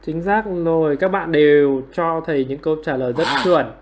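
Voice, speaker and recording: Higher-voiced man coaxing students for answers. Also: background noise. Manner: self-deprecating, quick to apologize with laughs. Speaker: online English teacher. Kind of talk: livestream quiz teaching.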